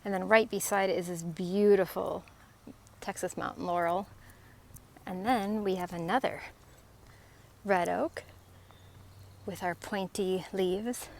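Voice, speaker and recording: A woman talking casually as she walks outside, explaining things in short, halting, conversational phrases. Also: medium pitch, fairly even intonation, vocal fry. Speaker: host of an outdoor tree identification vlog. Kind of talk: casual talk to camera while out walking. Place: outdoors along a residential street on a walk. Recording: faint outdoor background noise.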